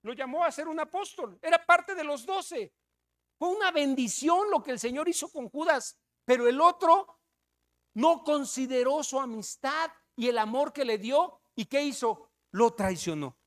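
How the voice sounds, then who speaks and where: A man with a Mexican accent preaching a sermon, telling a story with loud emphasis and hushed asides. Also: very high voice, animated, a little slow.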